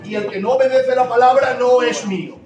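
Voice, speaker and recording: A man's voice: extremely high pitch, steady tone, a little fast. A man from preaching a sermon, emphatic, repeating key phrases and asking the congregation questions. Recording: very echoey hall, distant mic, music behind.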